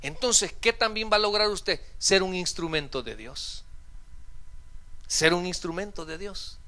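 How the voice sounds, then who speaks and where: A man's voice: high-pitched, a little slow, sharp tone. A male pastor preaching a sermon in a church, telling humorous stories and acting out the dialogue. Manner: humorous storytelling, acts out dialogue. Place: church sanctuary.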